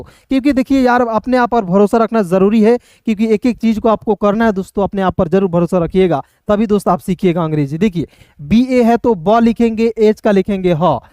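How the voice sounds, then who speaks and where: A man's voice: sits high, dark tone, no echo, clean studio sound. A man teaching a beginner language lesson, patiently spelling words out letter by letter, checking often that listeners follow and cheering them on like friends.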